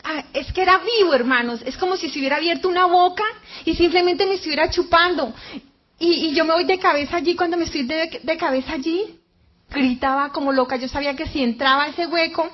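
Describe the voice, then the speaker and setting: A middle-aged woman tells her religious testimony with high, dramatic fervor, acting out the voices of family and her own pleas. The recording is muffled and lo-fi. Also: brisk. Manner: dramatic, acts out her mother's and her own cries. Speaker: speaker giving a religious testimony. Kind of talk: impassioned testimony to a congregation. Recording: dull lo-fi recording.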